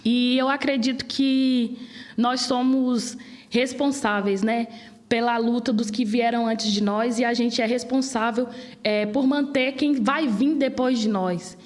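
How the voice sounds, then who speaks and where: A woman's voice: fairly high pitch, unhurried. A woman in her late twenties with a Brazilian Portuguese accent, a guest arguing her points passionately in an interview. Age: 20s. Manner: passionate, animated argument.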